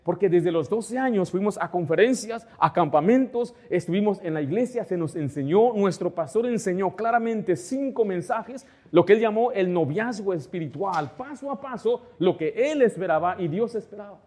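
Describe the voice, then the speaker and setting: A middle-aged man preaches a sermon in a fairly high voice. He keeps turning to his listeners with rhetorical questions. He acts out the back-and-forth of his anecdotes as he goes. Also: expressive, moderate pace, few pauses, a little mellow. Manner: asks the congregation rhetorical questions; acts out dialogue within anecdotes. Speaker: pastor.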